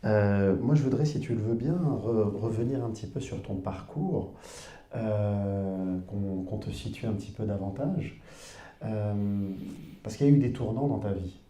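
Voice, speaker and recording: A male interviewer leads a public book presentation, building his questions slowly through repeated fillers. His voice sits low and very dark, and the roomy hall around him echoes. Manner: slow, halting questions with many fillers. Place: cultural centre hall.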